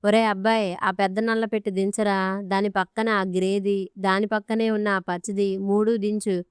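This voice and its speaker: A woman's voice: mid-range voice, level tone, normal speed, clear, resonant tone, no room sound, studio quality, natural voice. A woman reading an audiobook story, voicing a stern, commanding older father-in-law. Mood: firm. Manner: commanding, blunt.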